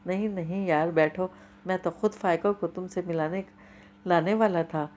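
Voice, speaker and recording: An eager young man in love who speaks in excited bursts, voiced by a woman reading a novel aloud. The register sits a little low. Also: lightly acted.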